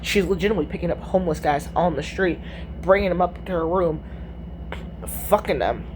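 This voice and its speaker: Middle-aged woman, low voice, blunt and foul-mouthed, casual retelling with faint background noise. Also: brisk. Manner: chatty, retells conversations with many "I said, she goes"; blunt, swears freely. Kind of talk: casual storytelling.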